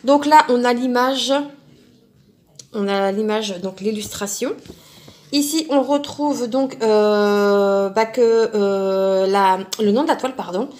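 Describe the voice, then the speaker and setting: A woman's voice: medium pitch, slow, darkish tone. A woman hosting a crafting channel, chatting casually as she unboxes products, musing aloud to herself with lots of fillers.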